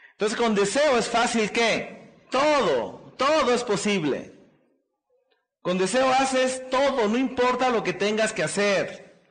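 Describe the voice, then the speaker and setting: At a seminar, a man with a high, fairly bright voice preaches like a motivational speaker. He repeats rousing phrases and works the crowd call-and-response style, tossing out "¿qué?" and "¿verdad?"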